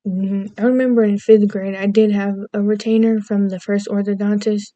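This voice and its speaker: Mellow, flat-toned rambling American woman. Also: mid-range voice, normal speed, muffled recording. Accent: American with a slight Southern lilt. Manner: meandering, self-interrupting, goofy. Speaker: vlogger. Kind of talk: casual rambling monologue.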